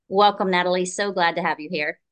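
A woman's voice: on the low side, steady tone, a little fast, a bit bright. A woman hosting a podcast, introducing a guest and asking questions in an upbeat, emphatic way. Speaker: podcast host. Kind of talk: scripted intro and interview hosting.

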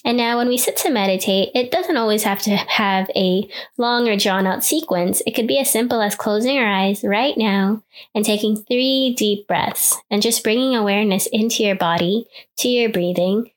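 A woman who hosts a podcast guides listeners through a meditation. Her medium-pitched voice is soothing and unhurried, gently giving instructions the way a sleep story narrator would.

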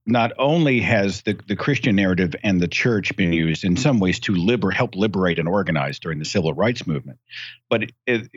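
Man, deep voice, articulate, rhetorical, measured emphasis, close dry slightly muffled sound. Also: lively intonation, slightly rough, no room sound. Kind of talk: articulate conversational commentary. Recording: dry, slightly dull audio.

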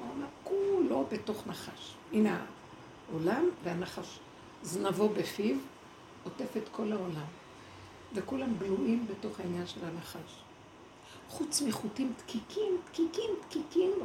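A woman giving a spiritual talk, telling a personal story in an animated way and acting out the voices she quotes. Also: mid-range voice, a little hiss or hum. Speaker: speaker at a spiritual gathering. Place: evening gathering indoors. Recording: echoey room with clear background ambience.

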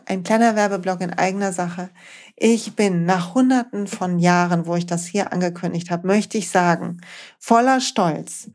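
A woman's voice: mid-range voice, a little mellow. Female podcast host, late 40s, motivational coach, speaks to listener directly, encouraging tone.

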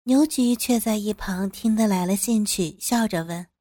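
A woman's voice: medium pitch, moderate pace, mellow, no room sound, studio quality. A woman narrating an adult audio drama in the first person, turning flirtatious and teasing in her character's dialogue.

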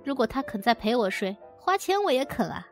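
A woman's voice: a little high, sing-song, fairly quick, faint music behind. A woman voicing a crude, lecherous man who gloats and swears, read in a storytelling style. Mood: gloating.

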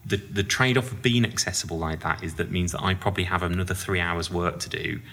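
A man's voice: sits low, fast, vocal fry, a bit bright. A man who founded the company, talking through leadership in a casual podcast chat, reflective and full of restarts. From England. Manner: reflective, rambling with many restarts.

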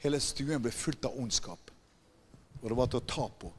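A man's voice: medium pitch, slight background noise. A man preaching a sermon, emphatic and often putting questions to the congregation. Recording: long hall reverb.

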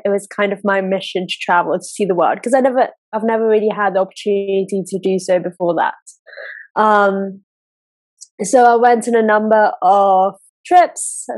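A woman from Kenya talks as an interview guest about her business. She answers earnestly and thoughtfully, often pausing on ums and restarting sentences. Her voice sits in a middle pitch, recorded dry and close. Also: no echo. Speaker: travel business founder, guest. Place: home in Kenya.

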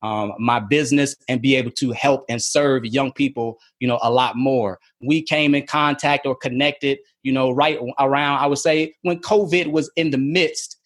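A man's voice: mid-range voice, fairly even intonation, normal speed, hardly any pauses. A middle-aged man, a guest on a podcast, talking eagerly and fluently about his work. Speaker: guest, media trainer. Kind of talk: enthusiastic interview talk.

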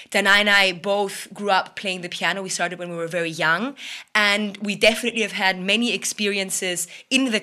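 A woman with a bright, crisp-edged voice at an average pitch co-hosts a podcast. She speaks conversationally, explaining her view and qualifying it as she goes. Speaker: podcast co-host.

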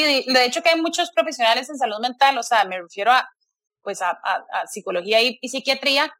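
A woman speaks in a bright, forceful voice with a dry, close sound. Her pitch sits a little high. She talks earnestly in a casual conversation, often closing thoughts with "¿verdad?". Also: no room sound. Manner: earnest, tagging sentences with "¿verdad?" and "o sea".

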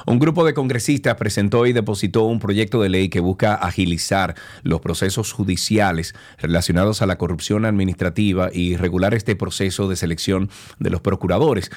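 A man's voice: sits low, a little fast. A man hosting a radio show, reading news and taking calls with small stumbles. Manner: reads news with hesitations, chats warmly with callers. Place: radio studio.

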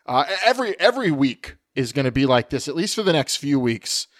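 A man co-hosting a casual sports podcast, energetic and chatty, running through questions and sponsor reads. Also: medium pitch, brisk, dry recording, clean studio sound. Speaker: podcast co-host. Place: at home, remote recording.

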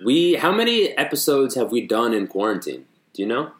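Over a noisy crowd, a man in his thirties talks fairly fast at a medium pitch, his voice swinging widely up and down. He's a comedian co-hosting a casual podcast, playful and full of riffs and puns, recorded in an echoey space.

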